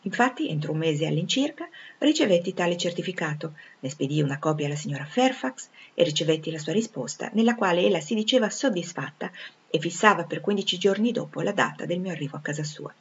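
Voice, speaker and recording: A woman reads a classic novel aloud in a measured, even manner. Her voice sits low and husky. The recording is dull and lo-fi. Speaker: audiobook reader. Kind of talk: literary audiobook narration.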